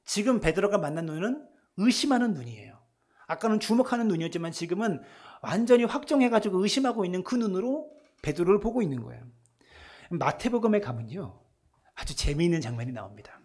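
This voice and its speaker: A male pastor preaching a Sunday sermon in a church, swinging between hushed soft lines and loud emphatic ones. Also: high voice, big pitch swings, fast, slightly rough. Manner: acts out voices in retelling scenes.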